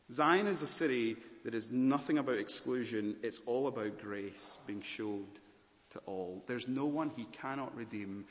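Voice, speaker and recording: A man preaches a sermon, building from hushed pauses to soaring climaxes. His voice sits in a middle pitch for a man. It rings out with a long reverb in a large church hall. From Malawi. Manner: dynamic preaching with dramatic pauses and swells. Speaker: pastor.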